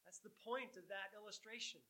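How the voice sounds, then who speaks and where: Bright-voiced male pastor preaching. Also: sits high, fairly quick, poor audio. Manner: conversational preaching with rhetorical questions. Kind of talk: sermon.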